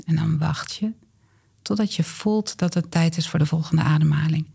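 A woman leads breathing exercises in an unhurried, instructional way. Her soft voice is mellow and breathy, with frequent creak. She sounds like a calm coach guiding someone step by step. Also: low-pitched.

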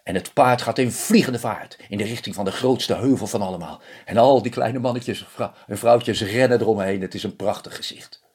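A man telling a fairy tale, animated, with hushed dramatic pauses. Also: fairly low pitch, breathy edge. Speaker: storyteller.

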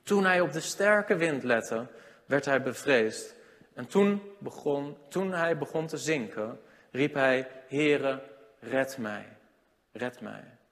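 Guy preaching a sermon, kinda high voice, gets loud then real quiet, big reverby hall. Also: slow pace. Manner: swings from loud emphatic lines to hushed low ones.

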